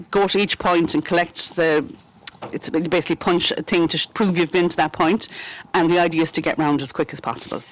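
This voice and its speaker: A woman's voice: low voice, rough recording. A middle-aged woman with a west of Ireland accent, chatting and explaining things as an interview guest. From Galway, west of Ireland. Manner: chatty, explanatory, frequent "you know" and "stuff like that". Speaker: interview guest, Scout leader. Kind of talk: conversational interview answers.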